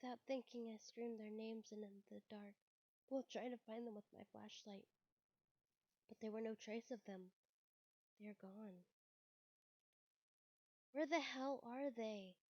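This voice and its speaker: A woman streamer who is feeling sick reads a visual novel aloud during a live let's-play, tossing in casual asides and coughing now and then. Her voice is on the high side and a little mellow, unhurried with long pauses. The recording has a roomy echo and a dull lo-fi sound.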